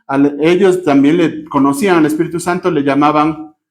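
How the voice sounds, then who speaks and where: A man's voice: fairly high pitch, fairly even intonation, normal speed. Cuencan man teaching a Bible class. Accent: Ecuadorian Spanish, Cuenca. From Ecuador. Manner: questions the class, spells out terms and writes on a board.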